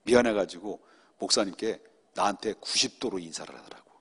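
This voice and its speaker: A middle-aged male pastor preaching at a Friday prayer meeting, telling a personal story in an animated way. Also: low voice, a little fast, husky. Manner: animated storytelling, acts out quoted speech. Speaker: senior pastor. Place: church sanctuary. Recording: long reverb of a church hall.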